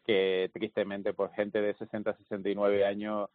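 Man, health official guest, low voice, dry tinny phone sound. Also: moderate pace, no room sound. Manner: lively, anecdotal explainer. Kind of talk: phone interview.

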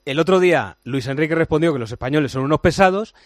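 Brisk Spanish sports radio host. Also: male voice, fairly high pitch, dry recording. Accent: Spanish (Spain). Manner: brisk, wry news delivery. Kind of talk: radio sports news presenting. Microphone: studio microphone. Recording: dry studio sound.

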